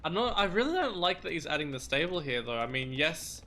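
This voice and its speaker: A man's voice: a little high, very animated, brisk, pushed and bright, slight background noise. A man commentating a live strategy game match, breaking down plays analytically and laughing often. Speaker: esports caster.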